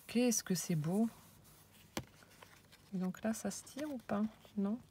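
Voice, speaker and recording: A woman casually showing a handmade scrapbook album, hesitant and searching for words, and often dropping into soft, admiring whispered asides. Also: medium pitch, slow, slight background noise. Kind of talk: casual show-and-tell.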